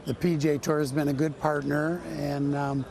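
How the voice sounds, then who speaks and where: A man tournament director answering questions in an interview. His voice sits slightly high, and he keeps pausing with ums as he speaks. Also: little pitch movement, a little mellow, a little hiss or hum. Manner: halting, with frequent ums.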